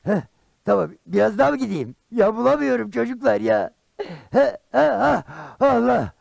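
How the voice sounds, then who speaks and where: A man voicing Karagöz, a blunt, quick-tempered common man in a traditional shadow puppet play, firing off rhyming comebacks. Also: very animated, no room sound, exaggerated voice. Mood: panicked. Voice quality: gravelly and high. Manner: loud, rhyming comebacks, exclamations.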